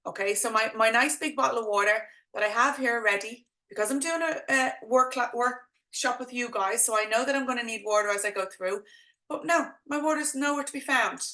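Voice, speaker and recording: Bright-voiced Dublin woman, chatty coach. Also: on the high side, a little fast, reverberant. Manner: chatty, encouraging, addresses viewers directly with pep talk. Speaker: business coach hosting an online workshop. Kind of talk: informal live webinar presenting.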